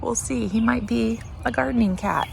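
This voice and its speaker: A garden vlog host leads a relaxed walking tour of her outdoor vegetable garden out back, chatting and thinking out loud along the way. Her voice is a little high and gravelly, at a normal speed, and the recording is noisy with birds and outdoor ambience.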